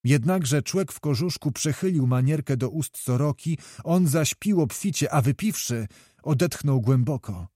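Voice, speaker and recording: A man reading a historical novel aloud as an audiobook narrator, in a measured storytelling manner. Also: fairly high pitch, expressive, mellow, no echo, studio quality.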